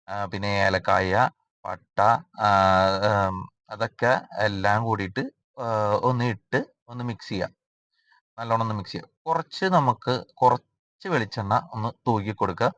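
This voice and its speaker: A man from Kerala narrating a cooking vlog in a casual, rambling way, filling pauses with drawn-out "aa" sounds. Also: on the low side, fairly bright tone, no echo. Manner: chatty, rambling, frequent drawn-out 'aa' fillers. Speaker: cooking vlogger.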